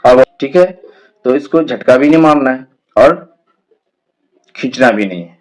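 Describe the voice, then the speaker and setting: Man slowly drilling letter sounds. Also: medium pitch, poor audio. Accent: Indian Urdu. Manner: patient, repeats each step. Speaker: Quran reading teacher. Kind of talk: children's alphabet lesson.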